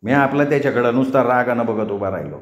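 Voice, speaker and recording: A man's voice: fast, dull audio, natural voice. A man voicing a whining, pleading village barber, in a storybook tale. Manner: high, whining, complaining. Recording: echoey room.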